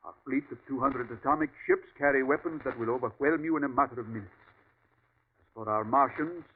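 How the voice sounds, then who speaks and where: A male actor with a natural, mid-range voice, talking a little fast, plays a Martian invader who poses as a ranch host in 1940s radio acting. As the calm, superior villain, he is suave and courteous but coldly condescending, oozing smooth menace. The recording is a tinny vintage broadcast with faint hiss.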